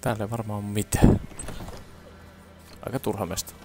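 A man's voice: lowish voice, steady tone, dark tone, faint music behind. A young man giving casual commentary while playing a game on a headset mic, making wry remarks. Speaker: gameplay streamer.

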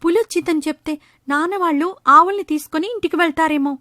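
Brief: woman playing a cheeky little boy prankster, high bright voice, dry sound, playful storybook kid. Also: quick pace, no echo. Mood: teasing. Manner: playful, teasing. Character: mischievous young village boy prankster.

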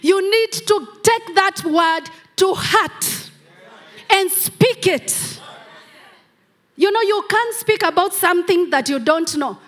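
Speaking slowly in an extremely high, slightly bright voice, a pastor delivers her sermon from the stage of a large church hall. She's a middle-aged Kenyan woman, a native Kamba speaker, holding a handheld mic and driving points home with emphatic repetition.

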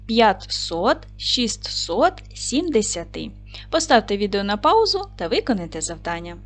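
Young woman, kind primary teacher, sing-song animated delivery, slow careful dictation, faint music underneath. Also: mid-range voice. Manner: slow, clear dictation with stressed syllables; gentle, encouraging address to children. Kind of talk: online video lesson for children.

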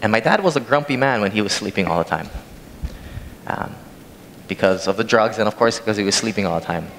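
A young man from Hawaii preaches in a large church sanctuary, his low voice carrying a long hall reverb over a faint hiss. He moves between reading scripture and telling a plain, conversational story from the stage, speaking into a handheld mic. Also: expressive, brisk, fairly bright tone. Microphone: handheld microphone from a far camera.

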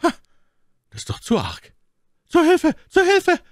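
A man voicing a proud, cunning noblewoman in a high, haughty falsetto, in a dry audiobook reading. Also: sing-song, moderate pace, darkish tone, no echo. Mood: alarmed, indignant. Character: proud, cunning noblewoman captive, imperious and suspicious.

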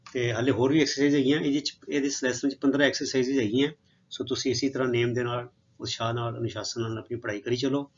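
Punjabi-accented guy teaching grammar, gravelly voice, slow english examples then quick explaining, kinda muffled recording. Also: medium pitch. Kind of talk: grammar lesson to students. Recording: dull lo-fi recording.

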